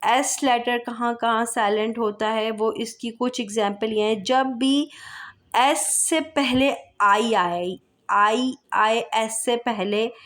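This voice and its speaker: A woman teaching an English lesson, spelling words out letter by letter and repeating them slowly. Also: fairly high pitch. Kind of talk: classroom lesson explanation.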